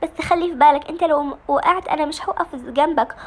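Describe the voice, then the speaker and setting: A woman's voice: high-pitched, fast, a little mellow, natural voice. A woman with an Egyptian Arabic accent voicing a stern young man who warns his friend in an emphatic, scolding way.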